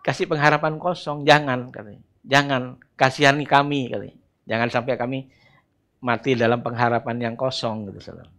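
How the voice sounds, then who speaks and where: A middle-aged man with an Indonesian accent preaching a sermon, telling the story in a lively way and breaking into acted voices. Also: medium pitch, a little fast. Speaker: church elder preaching.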